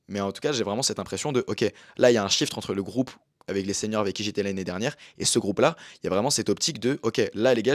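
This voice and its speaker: A man's voice: fairly low pitch, dry recording, studio quality. A young man in casual chat about his gymnastics training, talking in a slangy, rambling way with many fillers. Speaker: vlogger and amateur gymnast.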